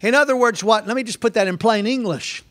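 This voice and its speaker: A man preaching a sermon, building to emphatic, rhetorical high points and then dropping his voice low. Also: quick pace, no room sound. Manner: emphatic, swings loud and soft, rhetorical questions. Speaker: pastor.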